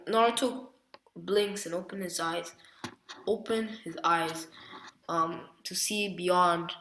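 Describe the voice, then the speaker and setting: Slow-talking woman rambling through a fan story. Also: on the low side, fairly bright tone, a little hiss or hum. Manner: rambling, self-correcting, with many fillers. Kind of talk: casual retelling of a fan story. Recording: roomy echo.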